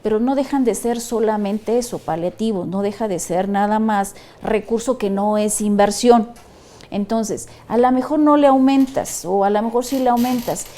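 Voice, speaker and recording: A woman, a panel guest speaking in a measured, conciliatory way with frequent restarts. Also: medium pitch, mellow. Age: 50s. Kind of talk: studio panel discussion.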